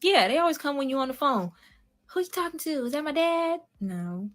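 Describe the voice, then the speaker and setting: A woman's voice: high voice, sing-song, fairly quick, fairly bright tone. Chatty woman from Seattle talking to chat. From Seattle, USA. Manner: chatty, rambling, addresses the live chat directly. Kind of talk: casual chat with viewers.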